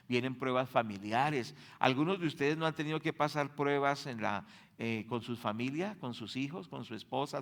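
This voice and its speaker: A man with a Colombian accent delivering a sermon as pastor. He keeps checking in with the congregation through rhetorical questions and moves between loud emphasis and quiet, dropped phrases. Now and then he acts out the voices of people he quotes. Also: creaky. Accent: Colombian Spanish. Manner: acts out quoted voices with big jumps in pitch; dramatic swings in volume from loud to soft.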